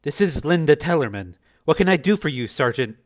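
A man's voice: fairly high pitch, big pitch swings, fairly quick, voice pushed up. A man voicing a composed, polite female news reporter in audiobook dialogue. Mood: professional, puzzled. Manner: polite, businesslike, questioning. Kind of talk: acted dialogue in audiobook narration.

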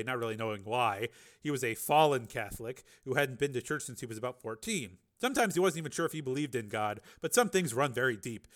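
A man narrating a novel as an audiobook, steady storytelling with occasional small slips. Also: mid-range voice.

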